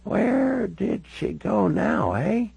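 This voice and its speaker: A gentle, confused old Canadian woman of ninety-six drifts through her words in a high, slow, quavering voice, as a man reads her in an audiobook. The sound is husky and dry, close to the mic. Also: big pitch swings, no echo, heavily acted. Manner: drawn-out, wandering speech. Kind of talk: audiobook character voice.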